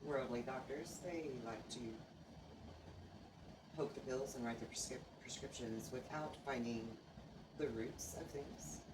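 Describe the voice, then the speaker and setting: Very low-voiced woman channeling as seance medium. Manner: formal, stilted, oracular phrasing with halting pauses. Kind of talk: seance medium channeling, answering questions in trance. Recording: noisy, echoey room, far from microphone.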